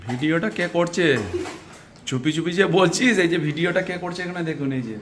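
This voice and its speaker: A man films a home vlog and jokes with the host from behind the camera, laughing as he teases her. His voice sits a little high for a man. He is away from the mic, with faint noise around him. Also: normal speed, fairly bright tone. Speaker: husband filming the video.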